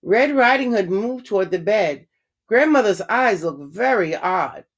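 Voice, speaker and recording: A woman reading a children's storybook aloud in a clear, measured, expressive way. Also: medium pitch.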